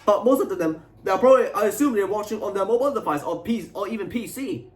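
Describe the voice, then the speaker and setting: A young adult man venting to his viewers in a frustrated, aggrieved, unscripted rant, halting and repeating himself as he rambles. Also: high-pitched, animated. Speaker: video creator.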